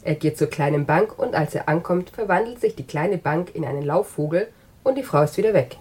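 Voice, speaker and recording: A woman narrating an absurdist short story in an even, matter-of-fact reading. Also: sits low, a little fast, slightly rough.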